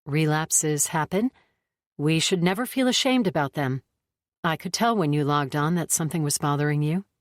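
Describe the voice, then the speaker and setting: A woman narrator voicing a calm female therapist who keeps an even tone and asks probing questions. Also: on the low side, normal speed, dry recording, clean studio sound, pitched above the performer's own voice, lightly acted.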